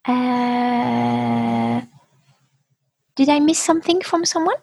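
A woman's voice: on the high side, huge pitch swings, drawn-out words, gravelly, darkish tone. A woman teaching a language class over a video call. She is patient and encouraging and slips into English to explain words. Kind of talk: online class, teaching vocabulary.

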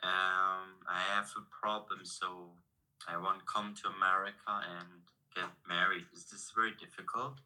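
A man in his twenties, a non-native English speaker, talking hesitantly with many pauses over a video call. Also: sits low, flat delivery, bright, forceful tone, poor audio. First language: not English. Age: 20s. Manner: hesitant, halting, many ums. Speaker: video chat stranger. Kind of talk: casual chat.

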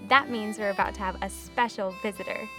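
A woman's voice: medium pitch, steady tone, a little fast, over music. A young woman hosting a children's video as a cheerful librarian, with a sing-song manner meant for small kids.

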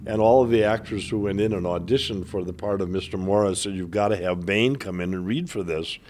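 A man from northern Minnesota with a Minnesota accent, a former theater director and actor, telling relaxed, amused anecdotes in an interview. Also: deep voice, brisk. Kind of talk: interview storytelling.

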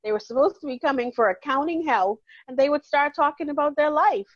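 A Bahamian woman in her forties, a counselor talking warmly and chattily in an interview, laughing easily. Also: sits high, brisk, dry recording, muffled recording. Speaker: counselor and guest. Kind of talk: casual interview conversation.

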